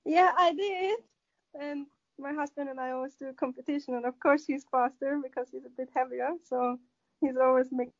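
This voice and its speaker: A woman's voice: high voice, steady tone, a little fast, dull audio. A woman with a German accent, a guest answering podcast questions hesitantly, searching for English words. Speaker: athlete guest.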